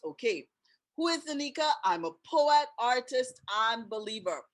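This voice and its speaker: Speaking in a fairly high, sing-song voice at a moderate pace, a Trinidadian-accented woman hosts a webinar over video call. She's chatty, laughs a lot, and keeps putting questions to her guests.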